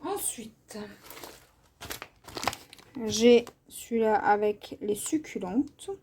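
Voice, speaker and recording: A woman hosting her own craft channel, showing her cross-stitch canvases in a casual, unhurried vlog, hesitant and full of fillers. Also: medium pitch, animated, warm tone, a little hiss or hum. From France. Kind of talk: casual show-and-tell vlog.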